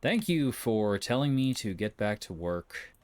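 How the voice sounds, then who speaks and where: Low-pitched male let's player, joking and muttering his way through a game. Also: sing-song, a little slow, a little mellow, a little hiss or hum. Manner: jokey, mutters to himself while playing. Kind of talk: casual gameplay commentary.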